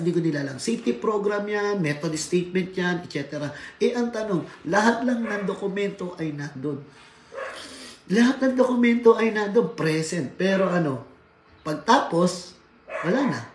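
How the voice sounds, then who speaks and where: In an echoey room with faint background noise, a man from the Philippines gives a workplace safety seminar at normal speed. His voice sits high with lively intonation. He alternates between Tagalog and English, often adding tag questions like "right?"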